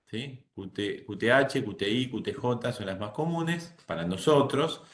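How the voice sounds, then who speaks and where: A man's voice: medium pitch, lively intonation, a little slow. A middle-aged man lecturing a boating class, explaining patiently and often checking in with his listeners. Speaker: nautical course instructor. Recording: roomy echo.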